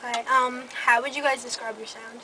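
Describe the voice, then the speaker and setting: A woman's voice: on the high side, flat delivery, a little fast, rough recording. A woman interviewing a band, asking questions with hesitant fillers. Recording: loud background noise.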